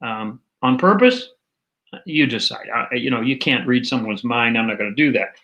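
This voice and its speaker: A male host gives casual political opinions in a loose, rambling way. He digresses often and fills his pauses with "um" and "uh". His voice sits at an ordinary middle pitch. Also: bright, forceful tone, low-quality recording. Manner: rambling, digressive, lots of fillers.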